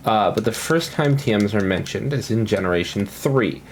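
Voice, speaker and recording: A man's voice: fairly low pitch, animated, normal speed, a little hiss or hum. A man casually commenting on his gameplay at home, rambling and thinking aloud with lots of fillers. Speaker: gaming commentator.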